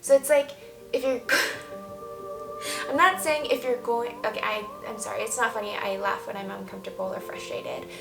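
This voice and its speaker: A woman vlogs candidly and casually, pressing her opinions emphatically to camera. She speaks at a normal speed with a fairly high pitch, a steady tone and vocal fry. Soft music sits faintly under a roomy echo.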